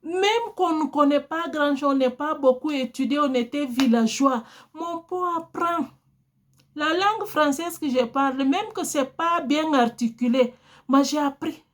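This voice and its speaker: Addressing the congregation directly, a native Portuguese speaker delivers an earnest, exhorting sermon. She speaks unhurriedly in a high-pitched voice.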